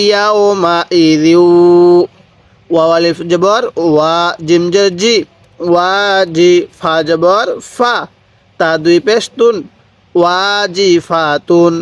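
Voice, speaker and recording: A man's voice: sits high, clean tone, dry recording. A man teaching Quran reading, spelling out Arabic syllables and repeating them patiently for learners to read along. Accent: Bangladeshi Bengali. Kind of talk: slow spelled-out recitation lesson.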